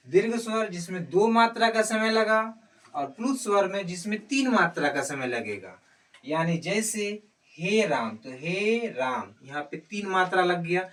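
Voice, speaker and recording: High-voiced man teaching letters, distant mic. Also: fairly bright tone. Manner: explains step by step, calls out letters one at a time. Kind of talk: classroom-style Hindi grammar lesson. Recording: distant mic with faint noise.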